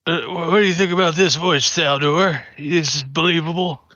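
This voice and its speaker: A man's voice: fairly high pitch, fairly even intonation, moderate pace, sharp tone, dry recording, highs cut off. A man voicing an old man in disguise, a tabletop game character, in a put-on old-timer voice. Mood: testing, theatrical.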